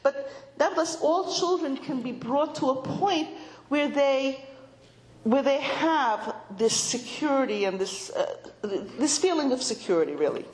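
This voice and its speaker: A middle-aged woman giving an informal talk to women, telling stories with animation and voicing children in a high pitch. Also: expressive, unhurried. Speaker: speaker addressing a women's audience. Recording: echoey room with faint noise.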